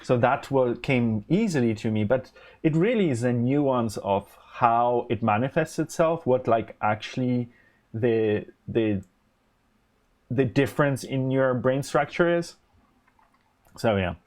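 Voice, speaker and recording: His medium-pitched voice is expressive, unhurried and darkish as he hosts a live stream and chats while designing electronics. Polish is his first language, and his rambling talk is full of fillers and restarts.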